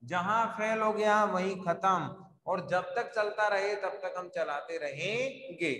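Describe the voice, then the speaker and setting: A man's voice: sits high, takes it slowly, pushed and bright, slight background noise. A male teacher giving a live online class, repeatedly asking his students questions and answering them himself as he writes on a board. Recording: echoey room with long reverb.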